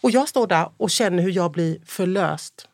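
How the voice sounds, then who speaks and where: A woman's voice: on the low side, animated, a little mellow, no room sound, studio quality. A woman in her fifties, a podcast guest, telling a personal story in a reflective, vivid way. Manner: reflective, vivid, acts out quotes.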